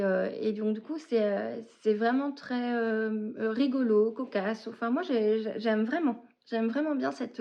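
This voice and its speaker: A woman with a fairly high voice chats slowly and unhurriedly about her knitting and reading, pausing often to find her words. It sounds like a casual home podcast, and the recording is a little dull and lo-fi. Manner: hesitant, often searching for words.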